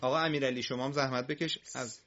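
In a broadcast classroom lesson on Quran reading, a man patiently and loudly drills single syllables for his pupils and listeners. His voice is medium-pitched and steady, and the recording has its highs cut off.

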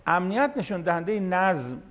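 A man's voice: sits high, very animated, fairly bright tone. A man near seventy giving a sermon-style lecture as a cleric, explaining verses line by line in plain talk. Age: late 60s. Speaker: cleric speaking to an audience of managers.

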